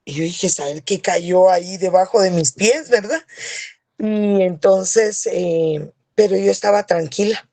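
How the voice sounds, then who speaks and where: A woman giving an earnest spoken testimony over a video call, often pausing to check in with her listeners. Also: medium pitch, mellow, no echo. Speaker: church member giving a testimony.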